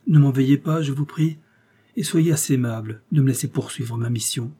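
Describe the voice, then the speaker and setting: A composed, courteous police detective, read by a man, speaking with unhurried politeness. His voice is mellow and a little husky. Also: medium pitch. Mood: calm.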